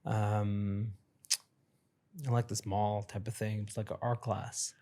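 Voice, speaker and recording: A man from Sweden, a podcast guest, telling childhood stories in a casual, animated way with frequent laughs. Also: fairly low pitch, slow. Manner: animated storytelling, laughs often. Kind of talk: casual interview chat.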